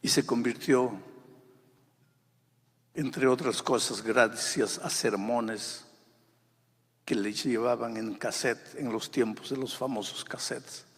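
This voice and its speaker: A man preaching a sermon with great feeling, swelling to loud, high pleas and dropping to hushed, quiet lines. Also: fairly even intonation, takes it slowly, pauses often, husky, in a large hall. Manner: impassioned preaching, swells loud then drops to near whisper. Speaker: pastor.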